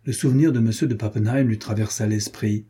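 Husky male audiobook narrator, measured, very dark tone. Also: fairly low pitch, steady tone. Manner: measured, storytelling.

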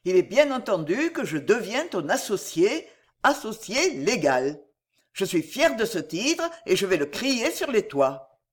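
A reader voicing a calm, teasing wealthy gentleman. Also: mid-range voice, a little slow. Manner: calm, easygoing. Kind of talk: audiobook reading.

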